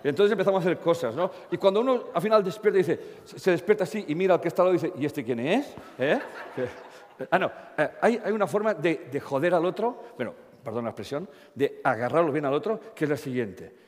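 A man's voice: fairly high pitch, animated, fast talker. A man giving a live talk, blunt and joking, often asking the audience questions. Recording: long hall reverb.

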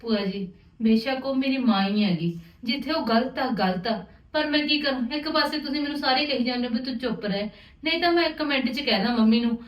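A woman's voice: high-pitched, a little fast, recorded from a distance. Concerned young-sounding woman, off-mic and echoey. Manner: earnest, pleading and concerned. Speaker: niece in a family drama. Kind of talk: Punjabi domestic drama acting.

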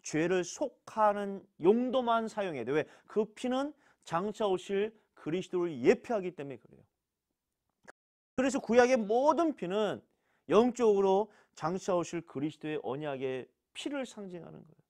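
A man's voice: high voice, lively intonation, moderate pace, a little mellow. A man, a pastor, teaching a church Bible class. He asks questions and answers them himself, and repeats key words for emphasis.

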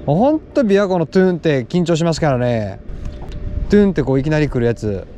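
A young man with a Kansai accent chatting excitedly while fishing outdoors on a lake, with quick exclamations. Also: fairly high pitch, slight background noise. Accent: Kansai Japanese. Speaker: fishing vlogger. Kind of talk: casual commentary while fishing.

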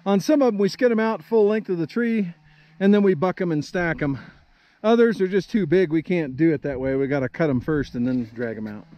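A man hosting a casual vlog outdoors in a forest clearing, explaining his work in a chatty, plain-spoken, joking way, recorded on a handheld camera. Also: sits high, dry recording, lo-fi sound. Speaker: vlog host.

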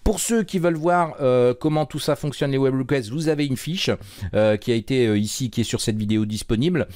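A man's voice: mid-range voice, fairly quick, a little mellow, dry recording, studio quality. A man teaching a coding tutorial in a casual, chatty way, with many fillers and restarts. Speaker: programming course instructor. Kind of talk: screen-recorded coding tutorial.

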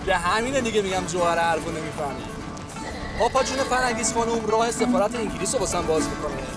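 A pushy, ambitious young schemer who keeps nudging and teasing his friend, in a high, bright register. He talks in an insistent, wheedling way. Loud music plays under him. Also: expressive. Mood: coaxing. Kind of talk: period TV drama acting.

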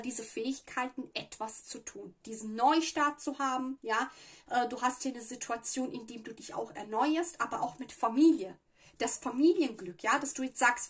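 A woman whose first language is Italian gives a casual tarot reading to camera in a fairly high, breathy voice. She talks loosely, pausing to find words and dropping small "ja" fillers, in what sounds like a small room at a table.

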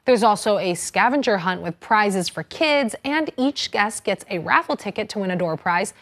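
A woman's voice: mid-range voice, animated, normal speed, fairly bright tone. Female news anchor for scripted local news narration, mid-range voice.

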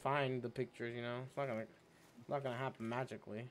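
A man's voice: medium pitch, fairly even intonation, quick pace, slight background noise. A man chatting casually and profanely while streaming a game, rambling and laughing often. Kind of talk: casual gaming stream chat.

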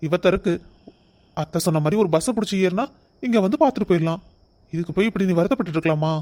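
A man voicing a polite middle-aged son-in-law and father in an animated family story, reasoning gently. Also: high voice, fast, close to an everyday voice. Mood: soothing.

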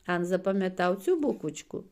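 A woman's voice: lowish voice, expressive, moderate pace, a little mellow. A woman teacher giving a patient one-on-one reading lesson to a child, coaxing and praising often and stretching out letter sounds.

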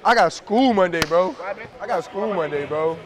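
A teenage basketball player from Tennessee wearing a body mic, joking and singing rap lines to himself while warming up in an indoor gym. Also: male voice, sits high, moderate pace, a crowd in the background. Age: teens. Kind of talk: casual banter while warming up. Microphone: body-worn mic. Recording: crowded gym noise around the mic. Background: players chatting, balls bouncing.

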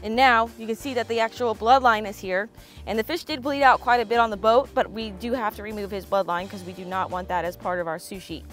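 Young woman, cheerful vlog host, step-by-step instructions, mid-pitched voice, light music underneath. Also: fairly even intonation, fairly quick. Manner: upbeat, enthusiastic, explains step by step. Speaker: fishing and cooking channel host.

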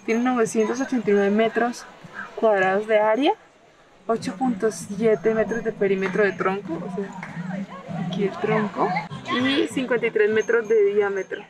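In this travel vlog with language tips, a young Spanish teacher chats outdoors while exploring a small town and countryside and explaining grammar. She speaks unhurriedly in a steady, medium-pitched voice, with a crowd and music audible behind her.

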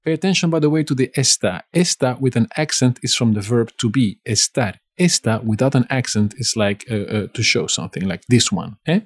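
A man with a Castilian Spanish accent teaching a language lesson, repeating each phrase slowly and explaining grammar in asides. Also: mid-range voice, expressive, slightly rough, no room sound. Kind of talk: slow bilingual phrase lesson.

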